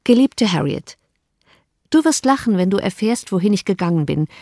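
A woman's voice: medium pitch, animated, moderate pace, warm tone, no echo, studio quality. A woman voicing a giddy, thoughtless teenage girl in a read-out letter, with a breathless, carefree manner, in an audiobook reading.

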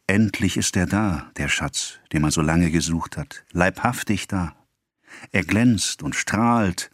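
A man voicing a brooding male seducer, speaking low and hushed in an audiobook reading. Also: slow pace, no room sound, clean studio sound. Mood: intimate.

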